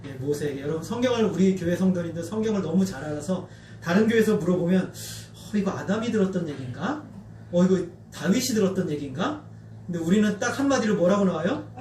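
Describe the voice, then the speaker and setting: A man from North Jeolla preaching a sermon as pastor, animated and acting out quoted voices. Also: fairly high pitch. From Korea, North Jeolla. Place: church sanctuary. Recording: echoey church hall, distant mic, faint noise.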